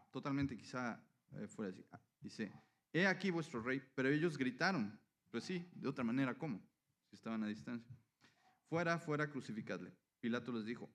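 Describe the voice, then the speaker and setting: Man preaching a Bible teaching. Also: medium pitch. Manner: explanatory, frequent checking "¿sí?". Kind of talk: sermon teaching.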